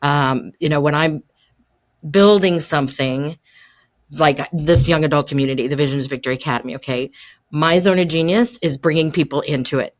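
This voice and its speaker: A woman's voice: low voice, moderate pace. Older woman, podcast coach, encouraging and chatty, laughs through her points. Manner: encouraging, laughs often mid-sentence. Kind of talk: conversational coaching chat.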